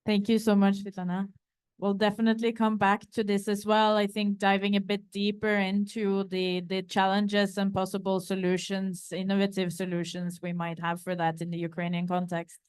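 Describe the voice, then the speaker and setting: Even-toned woman moderating a panel. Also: mid-range voice, moderate pace, clean tone.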